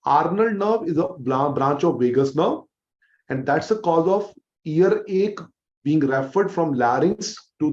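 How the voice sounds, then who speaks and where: A man's voice: fairly high pitch, darkish tone, muffled recording. A man with an Indian accent teaching a medical revision class, emphatically repeating key facts. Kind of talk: exam revision lecture.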